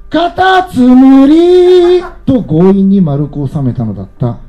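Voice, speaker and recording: Man with a high voice, calmly reading his own travel essay aloud; slightly muffled recording.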